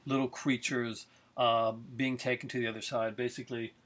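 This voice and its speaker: In his living room, a middle-aged collector talks into a nearby webcam for a casual video review of his films. His mid-range voice is a bit bright and flat in delivery at a normal speed, and he rambles eagerly and casually, filling his speech with fillers.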